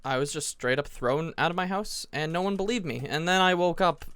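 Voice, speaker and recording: A man's voice: on the high side, fairly quick, fairly bright tone, clean tone, no echo. Teen male gaming commentator, casual rambling storyteller, clean dry desk-mic sound. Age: teens. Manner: rambling, self-interrupting, frequent restarts. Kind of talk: casual storytelling over gameplay.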